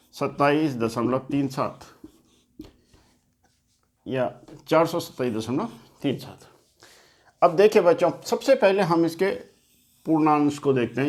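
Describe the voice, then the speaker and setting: Writing on a board as he talks, a man gives children a maths lesson, patiently walking through each step and often repeating and rephrasing key points. His voice is on the high side and a little mellow.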